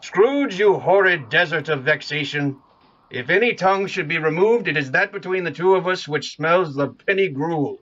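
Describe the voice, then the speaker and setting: A man's voice: on the high side, animated, normal speed, a bit bright, dull audio. A man playing a mocking, grandiloquent ghost in an audio play, declaiming his insults in a theatrical way. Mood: scornful. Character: scornful, theatrical male Ghost of Christmas Present.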